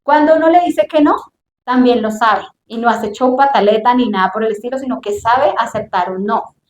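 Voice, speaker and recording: Middle-aged woman preacher, high voice, emphatic sermon storytelling in a reverberant church. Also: moderate pace, slight background noise.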